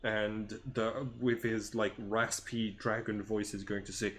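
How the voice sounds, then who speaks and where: A man working as game master, improvising the narration of a tabletop fantasy game and often searching for words in a halting way. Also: on the low side, level tone, fairly bright tone, slight background noise.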